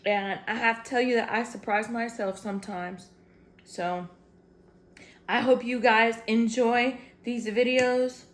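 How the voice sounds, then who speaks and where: A woman's voice: a little high, steady tone, a little slow, roomy sound. A woman hosting her own cooking channel, chatting upbeat and casual through a demonstration and often calling viewers "guys".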